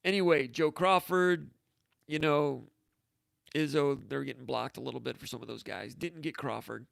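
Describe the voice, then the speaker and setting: A man's voice: medium pitch, moderate pace, creaky, a bit bright, dry recording. A man hosting a casual sports talk show, telling stories in a rambling, anecdotal way, with frequent restarts. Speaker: host.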